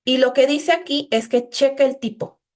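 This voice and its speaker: A woman's voice: high-pitched, steady tone, normal speed. A woman giving an informal, explanatory recorded programming class and talking directly to her students. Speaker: instructor.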